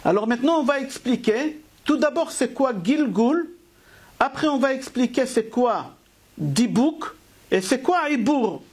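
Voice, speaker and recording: A man's voice: extremely high pitch, lively intonation, unhurried, slightly rough. A man teaching a live religious lesson to an online class, emphatic and driving, asking rhetorical questions and answering them himself. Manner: emphatic, asks and answers his own questions. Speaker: Torah teacher.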